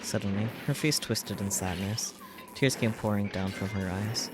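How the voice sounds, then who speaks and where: This man's voice sits fairly low and moves at a moderate pace as he narrates a visual novel script over music. He performs it like a streamer, delivering the game's text in a dramatic read-aloud style.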